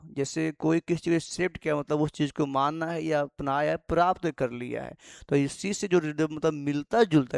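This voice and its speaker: Gravelly man teaching vocabulary. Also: fairly high pitch, no echo, studio quality. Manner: repetitive, asks students rhetorical questions. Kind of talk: explanatory Hindi lesson.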